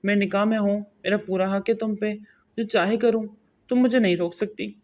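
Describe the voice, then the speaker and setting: A woman voicing a brooding, domineering young husband in a spoken romance novel, talking in a low, intense murmur. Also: fairly even intonation, close to an everyday voice.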